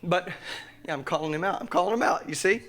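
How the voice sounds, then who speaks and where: A young man preaching a sermon in church, joking and fervent, swinging between loud preaching and quiet asides. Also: high-pitched, fast talker. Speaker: pastor. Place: church sanctuary.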